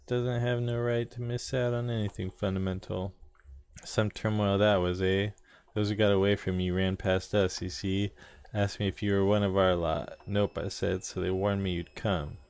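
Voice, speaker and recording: A man voicing a scheming male smuggler gang boss from a game, reading the lines aloud in a rough put-on drawl. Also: lowish voice, a little mellow.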